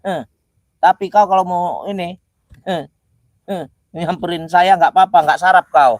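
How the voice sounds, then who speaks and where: A man voicing an arrogant old male spirit lord in pain, with a high, strained, whimpering voice, groaning and snapping back. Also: fairly even intonation, moderate pace, dry recording, studio quality, lightly acted. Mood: defiant. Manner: moaning, groaning, retorting defiantly.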